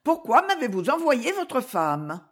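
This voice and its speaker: A woman's voice: high voice, big pitch swings, unhurried, pitched above the performer's own voice, heavily acted. A woman voicing an anxious older lady, pleading. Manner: breathless and pleading. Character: older anxious woman seeking her lost dog.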